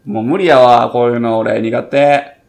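A man's voice: medium pitch, steady tone, moderate pace, creaky, a little mellow. A man with a Kansai accent, co-hosting a casual podcast and bantering with laughter. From Kansai, Japan. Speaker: podcast co-host, bartender. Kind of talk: casual chat.

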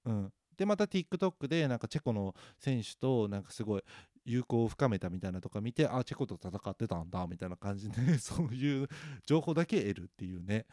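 A man's voice: mid-range voice, sing-song, brisk, warm tone, no echo, clean studio sound. A man chatting alone, self-mocking and rambling, with many fillers. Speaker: podcast host. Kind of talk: casual solo chat.

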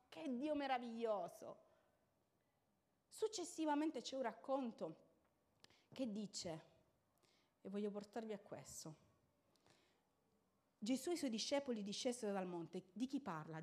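Impassioned woman preacher, fairly high voice. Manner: impassioned, swinging from hushed to loud. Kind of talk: sermon.

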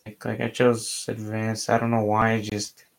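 A man's voice: fairly low pitch, monotone, normal speed, gravelly. A young man in casual chat, hesitant and repeating his words as he starts sentences.

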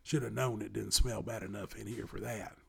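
A man's voice: fairly low pitch, steady tone, fairly quick, gravelly, breathy edge, heavily acted. A man doing a friendly big monster. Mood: earnest. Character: friendly big male monster, earnest and good-humored.

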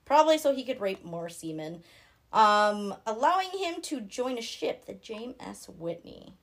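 Young Minnesotan woman, true-crime co-host, slightly high voice, rambling and giggly. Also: big pitch swings, unhurried. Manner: rambling, giggly, many fillers. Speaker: podcast co-host. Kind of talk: casual true-crime chat.

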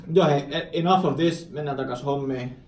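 A man's voice: medium pitch, a little mellow, distant mic, a little hiss or hum. Rambling, laughing man in an echoey room. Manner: rambling, laughs often, mixes in English phrases. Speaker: podcast co-host. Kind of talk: casual podcast chat. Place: office.

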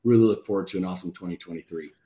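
A man appearing as a guest on a radio show, giving brisk, grateful thanks. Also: low-pitched, dark tone. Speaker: sponsor guest. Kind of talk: casual radio chat.

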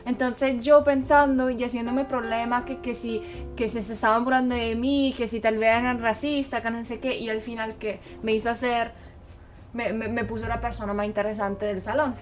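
A woman's voice: fairly high pitch, flat delivery, moderate pace, faint music behind. A woman from Italy, speaking Spanish with an Italian accent, candidly telling a personal story as a guest.

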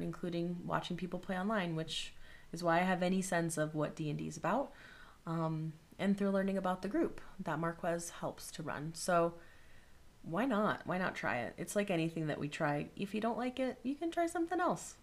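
Lower-pitched woman cohosting a podcast, thoughtful and encouraging, giggles a lot. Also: a little fast. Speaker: podcast co-host. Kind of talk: casual podcast chat.

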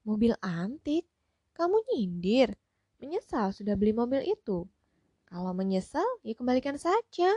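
A woman voicing a stern, well-off woman near fifty who talks sharply and firmly and takes offense quickly. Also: a little high, mellow, husky, no echo, muffled recording, voice pushed up. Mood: curt, offended.

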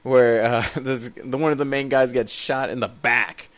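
A man's voice: medium pitch, steady tone, unhurried, a bit bright, no echo. A man co-hosting a gaming podcast, rambling and laughing as he chats casually. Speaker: podcast co-host. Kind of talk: casual chat.

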